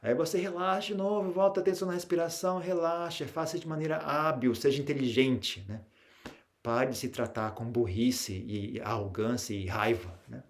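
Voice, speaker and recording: A Buddhist monk from Brazil gives a meditation talk in a Brazilian Portuguese accent. He speaks calmly, with a middling pitch, often ending phrases on a questioning tag. He restarts his sentences often, and he livens up when he tells everyday stories. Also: normal speed. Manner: grows animated when telling anecdotes.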